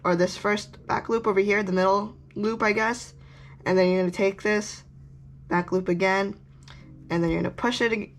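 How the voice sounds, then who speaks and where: Woman, casual craft tutorial, chatty and rambling, chewing gum, faint room hum. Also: mid-range voice. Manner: chatty, rambling, self-correcting asides.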